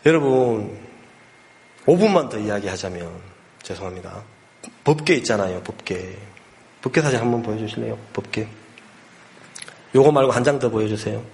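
A man's voice: lowish voice, expressive, normal speed, creaky, long pauses, a little mellow. A male pastor preaching a sermon, telling stories emphatically and punching his points with vivid sound words.

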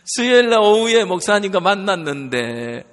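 A man preaching a sermon, telling a story in a lively way and acting out what others said. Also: high-pitched, normal speed. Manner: animated storytelling, quoting others, laughing at times. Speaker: pastor. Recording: long hall reverb.

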